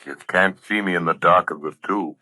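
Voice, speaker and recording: An actor playing a mysterious, menacing avenger who taunts slowly and theatrically in a 1930s radio drama. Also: male voice, low voice, bright, forceful tone, heavily acted. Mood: mocking menace. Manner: taunting, slow, deliberate, theatrical. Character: mysterious male avenger, mocking, menacing, unseen in darkness.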